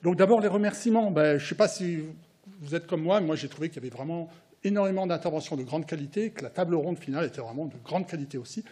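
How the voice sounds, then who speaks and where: A man, a research unit director, giving conference closing remarks in a halting way, with many fillers and restarts and some light joking asides. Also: a little high, dark tone.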